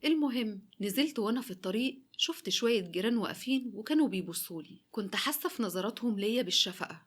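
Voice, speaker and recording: A woman's voice: a little high, lively intonation, fast talker. A young Egyptian woman narrating a first-person story with dramatic emotion.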